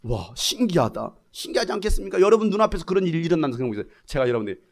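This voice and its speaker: A male pastor giving a lively sermon, often asking the congregation questions. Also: high-pitched, very fast. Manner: animated, asks the congregation questions.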